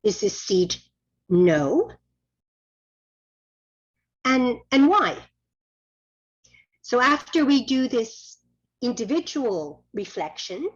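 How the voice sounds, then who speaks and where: A woman leading an online training session, guiding a group through an exercise while her voice cuts in and out over the call. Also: a little high. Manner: slow, guiding instructions to a group. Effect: voice cutting in and out over an online call. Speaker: workshop facilitator. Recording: dull lo-fi online call audio.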